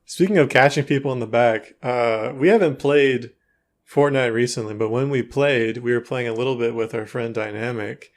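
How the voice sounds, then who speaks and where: A man's voice: medium pitch, normal speed. A man hosting a casual gaming podcast, joking with his co-hosts and laughing easily. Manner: jokey, laughs easily, playful intros. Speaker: podcast host.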